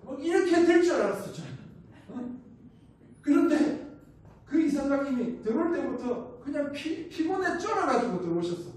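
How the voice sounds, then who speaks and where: High-voiced Gyeongsang preacher in an echoey hall. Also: male voice, big pitch swings, normal speed, darkish tone. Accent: Gyeongsang Korean. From Gyeongsang region, South Korea. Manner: storytelling with rhetorical questions and acted-out quotes. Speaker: missionary preacher. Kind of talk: sermon. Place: church sanctuary. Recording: echoey church hall, mic at a distance.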